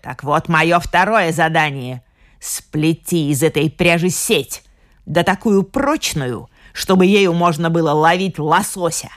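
A woman's voice: low-pitched, a little slow. A woman voicing a spiteful old witch. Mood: menacing. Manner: hissing, menacing commands.

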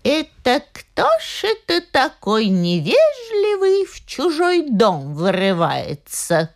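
A woman voicing a tiny, feisty old woman who scolds in an indignant, drawn-out way. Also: high-pitched, huge pitch swings, voice pushed up, exaggerated voice. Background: faint music.

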